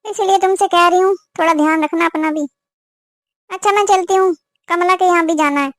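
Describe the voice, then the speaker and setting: A woman's voice: very high-pitched, fairly even intonation, fairly quick, a bit bright, no echo, clean studio sound. A woman voicing an older, meddling village auntie who gossips and gives warnings in a cartoon. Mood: urging. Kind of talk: cartoon voice acting.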